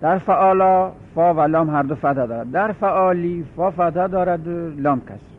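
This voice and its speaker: A man teaching a classroom grammar lecture, methodically repeating and spelling out word patterns. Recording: tinny phone-like audio with faint rumble.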